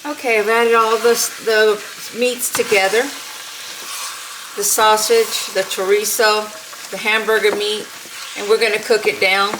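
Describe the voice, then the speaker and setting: A middle-aged woman who hosts a cooking channel walks through a recipe in a casual demonstration, unhurried and homey, dropping many little fillers as she cooks. Her pitch is an ordinary middle range. Behind her, frying and sizzling from the pan clearly fill her home kitchen.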